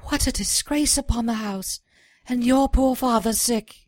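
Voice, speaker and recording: A man voicing a fretful, lamenting mother in an audiobook, soft and slow. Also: very high-pitched, no room sound, studio quality, pitched above the performer's own voice. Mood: distressed, lamenting. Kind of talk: audiobook character voice.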